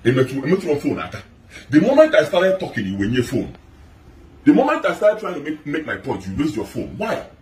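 In a split-screen couple video filmed on a phone indoors at home, a middle-aged Nigerian-accented husband with a big voice argues heatedly, pushing his point and asking his questions again and again. His voice is on the high side, sing-song, brisk and a little mellow, captured from a distance with echo.

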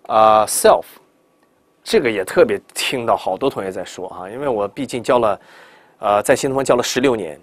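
A middle-aged man teaching pronunciation in a classroom lecture, asking rhetorical questions and repeating words slowly to demonstrate them. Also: lowish voice, dry recording.

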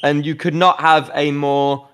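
A man casting an esports match play-by-play, excitable and climbing sharply in pitch at big plays. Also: unhurried, clean tone. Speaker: esports caster.

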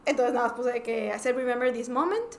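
Fast, high-voiced Mexican woman. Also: gravelly. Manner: excitable storyteller, leans on filler phrases. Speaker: podcast co-host. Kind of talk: casual chat.

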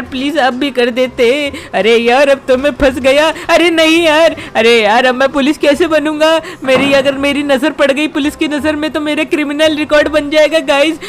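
Woman putting on a mischievous little boy, high squeaky voice, whiny, excitable, panicky cartoonish game commentary. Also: close to an everyday voice. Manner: whiny, excitable exclamations, talks to viewers. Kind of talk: gameplay commentary in character.

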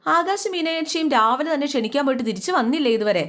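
A woman voicing a caring older mother-in-law who coaxes with gentle questions. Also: high-pitched, lively intonation, fast, voice pushed up. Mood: concerned.

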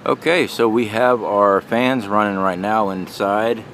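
Fairly low in pitch and a bit bright, this middle-aged man keeps an even intonation and measured pace as he walks through a small trailer, inside and out. He's a folksy, plain-talking vlogger addressing viewers as "guys," recorded on a handheld camera or phone with noisy outdoor and fan hum.

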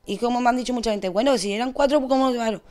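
A young woman with an Andalusian accent, giving a distressed, rushed account as an interviewee. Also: on the high side, darkish tone. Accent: Andalusian Spanish. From Spain. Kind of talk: emotional testimony.

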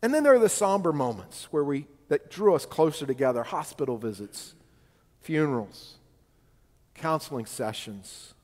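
A man's voice: on the high side, expressive, moderate pace, a little mellow. A male pastor giving a sermon in a conversational, personal way, often asking his congregation "right?". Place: church sanctuary. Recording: long church hall reverb.

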